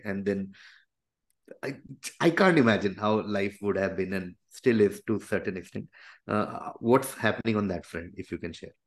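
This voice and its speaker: A man with an Indian accent interviewing as a podcast host, asking questions in a halting, conversational way and often rephrasing them. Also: on the low side. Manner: halting, circling around questions with repeated rephrasing.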